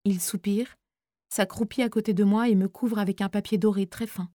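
A woman reading a first-person audiobook in a quiet, weary, intimate manner. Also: mid-range voice, fairly even intonation, moderate pace, no room sound, studio quality. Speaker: audiobook narrator.

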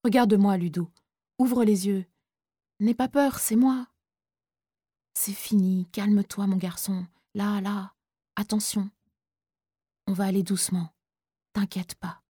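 A woman reading a protective middle-aged male teacher who yells in fury at some moments and soothes softly at others, in an audiobook. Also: medium pitch, steady tone, moderate pace, long pauses, no echo, studio quality, close to an everyday voice. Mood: gentle. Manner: furious yelling, then gentle and soothing.

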